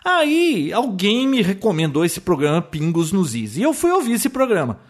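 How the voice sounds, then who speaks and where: A man's voice: high-pitched, huge pitch swings, normal speed. A Brazilian man co-hosting a casual podcast chat, telling opinionated stories with many restarts. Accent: Brazilian Portuguese. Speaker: podcast co-host.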